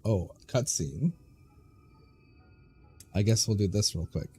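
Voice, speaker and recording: A man streaming a game, chatting casually in a relaxed, hesitant way with many pauses and ums. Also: lowish voice, soft background music.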